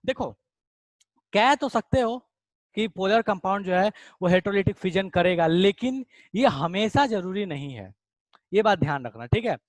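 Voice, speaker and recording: A man teaching an online chemistry revision class, talking quickly and casually and calling his students "beta". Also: high-pitched, expressive, no room sound. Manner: fast-talking, addresses students as beta, casual Hinglish asides.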